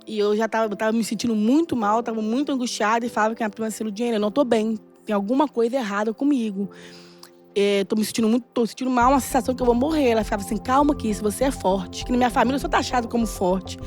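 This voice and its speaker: A middle-aged woman telling a personal testimony in a casual, animated way and acting out the dialogue. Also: on the high side, racing, faint music behind. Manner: animated, laughing often, acts out dialogue. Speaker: church guest sharing a testimony.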